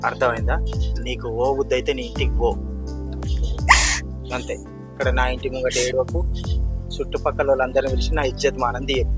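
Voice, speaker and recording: A man's voice: medium pitch, little pitch movement, brisk, pauses often, lightly acted. An actor playing a harsh village husband who scolds and dismisses his wife. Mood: scolding. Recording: background music under dialogue.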